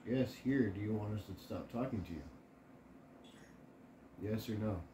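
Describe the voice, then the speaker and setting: A man in his forties with a fairly low voice co-hosts a ghost-hunting video. He talks casually and puts short questions to spirits without hurry. The room is echoey, with loud noise around his voice. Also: moderate pace. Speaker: co-host of a paranormal investigation video. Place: living room at home, indoors. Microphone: camera a few feet away. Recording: roomy echo with loud noise. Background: loud noise from a spirit box session.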